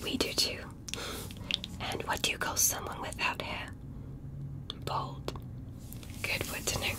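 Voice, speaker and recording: A woman plays a curious, polite alien doctor in a gentle, methodical ASMR medical roleplay, whispering her questions. Her voice sounds natural, though the recording is low quality.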